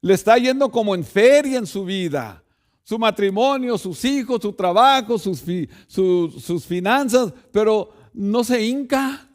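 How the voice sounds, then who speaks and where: Man, pastor, sermon, fairly high voice, rhetorical asides, addresses the congregation. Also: lively intonation, a little slow. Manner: preaches with rhetorical asides like "¿verdad?"; speaks directly to the congregation.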